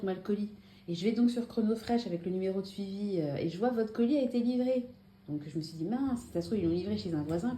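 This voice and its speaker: A woman's voice: medium pitch, mellow, a little hiss or hum. A woman in her thirties chatting casually at home as a family vlogger, unpacking a grocery haul with many fillers and restarts. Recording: echoey room with faint ambience.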